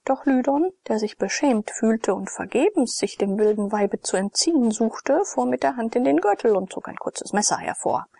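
A woman narrates a classic novel in an expressive, dramatic reading. Her voice sits a little high, with a husky, gravelly texture. The sound is dry and close. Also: normal speed, few pauses, no echo. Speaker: audiobook narrator.

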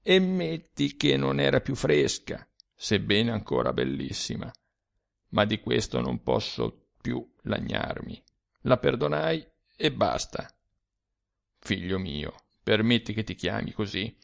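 A man voicing a hushed, gravelly old dead man. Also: sing-song, takes it slowly, heavily acted. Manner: hushed, low and confiding. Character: dead old bald man, sad and secretive.

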